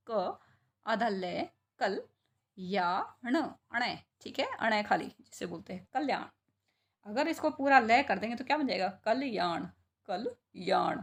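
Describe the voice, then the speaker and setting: Female teacher, slightly high voice, slow and drawn-out, quizzing the class and answering her own questions. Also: husky. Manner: slow, spelling out words sound by sound; asks questions and answers them herself. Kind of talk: classroom lesson.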